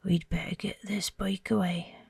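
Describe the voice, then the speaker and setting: A woman voicing a big soft-hearted man who is tearful and stammering, in whispered role-play. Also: medium pitch, level tone, moderate pace, creaky, slightly rough, dry recording, heavily acted. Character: huge tearful male half-giant, soft-hearted.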